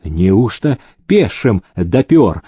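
A male reader voicing an excitable, gleeful rich old factory owner who shouts and eggs on a fight, in a storybook reading. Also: lowish voice, slightly rough, no echo, heavily acted. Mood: wary. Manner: shouting, egging on, drawn-out delivery.

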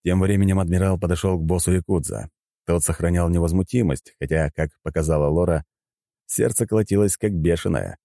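Deep-voiced male audiobook narrator. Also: a little fast, vocal fry, no room sound, clean studio sound. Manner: steady storytelling. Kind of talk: first-person audiobook narration.

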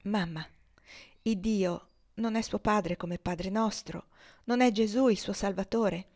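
A gentle, sickly young girl from an old novel, as a woman reader puts her on. Her voice stays soft and earnest, quietly pleading. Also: medium pitch, slow.

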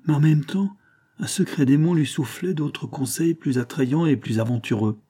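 A man narrating a classic novel in a measured, even storytelling manner. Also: fairly high pitch. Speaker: audiobook narrator. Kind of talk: literary audiobook narration.

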